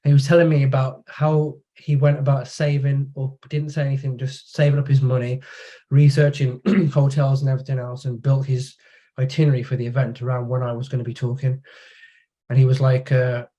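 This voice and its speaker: A man with a mellow, warm voice talks in a relaxed way on a podcast. He tells long stories from his working life and briefly acts out the voices of the people in them. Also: medium pitch, brisk. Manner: relaxed storytelling, acts out quoted dialogue. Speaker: podcast guest. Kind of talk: casual conversation.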